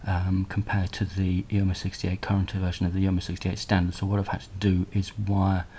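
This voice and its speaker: A low-pitched, monotone, dark voice, a little fast, belongs to a man casually showing off a hardware prototype while hesitating and thinking aloud. The recording is from a handheld camera mic and is noisy with clicks.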